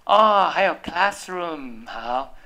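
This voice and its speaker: A woman's voice: rumbling low, unhurried, fairly bright tone. A woman English teacher, leading a classroom lesson and patiently drilling spelling and pronunciation.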